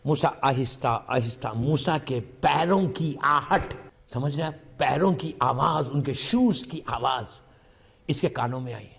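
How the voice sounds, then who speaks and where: A man's voice: medium pitch, creaky. A man preaching at a religious gathering, telling a story dramatically and acting out its dialogue, with English words mixed in. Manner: acts out dialogue in a rising, impassioned voice and sometimes shouts; mixes English words into his speech. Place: religious gathering hall with a live audience. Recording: long reverb of a large hall.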